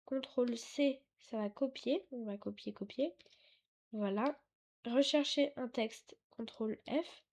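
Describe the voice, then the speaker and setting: Woman tutorial host, unhurried and halting, mellow slightly high voice, apologetic, drifts off the desktop mic. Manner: hesitant, halting, full of fillers and self-corrections; apologetic and chatty. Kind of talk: casual screen-recorded tutorial. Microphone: desktop mic, sometimes too far away.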